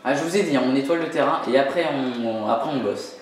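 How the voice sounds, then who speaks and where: A let's play host with a medium-pitched voice talks fast while playing a video game. His commentary is casual and joking, self-mocking, full of fillers and frequent laughs, recorded in a very echoey room with game music.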